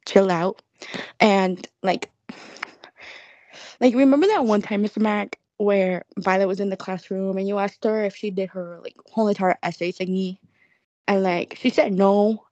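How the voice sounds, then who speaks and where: A woman's voice: medium pitch, darkish tone, dry recording. A young woman chatting casually to an audience in an ironic, slang-heavy Gen Z manner. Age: young adult. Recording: slightly dull lo-fi close recording.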